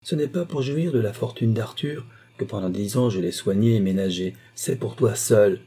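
A man's voice: lowish voice, normal speed, warm tone, husky. A man voicing a middle-aged mother who presses her son with insistent, persuasive arguments.

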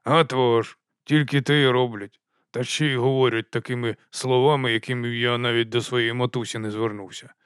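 A man's voice: medium pitch, fairly even intonation, normal speed, fairly bright tone, smooth, dry recording, clean studio sound, natural voice. A man voicing a scruffy, shifty older night-watch corporal who mumbles and grumbles. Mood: grumbling.

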